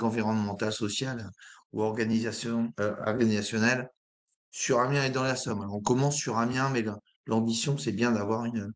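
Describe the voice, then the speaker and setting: A hoarse man presenting a project in an online meeting, hesitating often with fillers. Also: mid-range voice. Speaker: presenter of an incubator.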